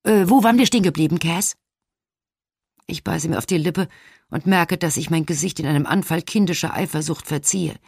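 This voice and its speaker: Woman reading an audiobook, low voice, measured, dead dry studio sound. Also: no echo. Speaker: audiobook narrator. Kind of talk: scripted first-person narration.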